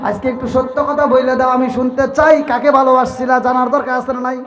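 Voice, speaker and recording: A preacher chanting as a gentle coaxing bridegroom. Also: male voice, very high-pitched, flat delivery, quick pace, reverberant, recorded from a distance, a little hiss or hum. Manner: chanted, coaxing sing-song. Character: prophet Sulaiman as a gentle, curious bridegroom.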